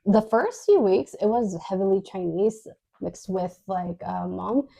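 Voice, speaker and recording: This woman's mid-range voice is mellow and expressive, with vocal fry and an unhurried pace. She co-hosts a podcast, telling her story in a relaxed, tentative way full of fillers and restarts, and laughs often while talking.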